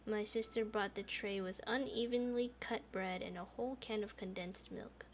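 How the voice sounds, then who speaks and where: A woman streamer reading a story game's text aloud in a soft, steady narrating voice, with small restarts now and then. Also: mid-range voice, moderate pace, a little hiss or hum.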